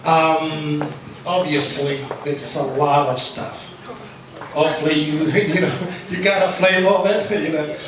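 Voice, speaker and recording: A man's voice: on the high side, flat delivery, a little slow, a crowd in the background. A man from Kenya moderating a conference session, loose and chatty with light laughs. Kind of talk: casual wrap-up remarks. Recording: echoey hall, distant mic, noise.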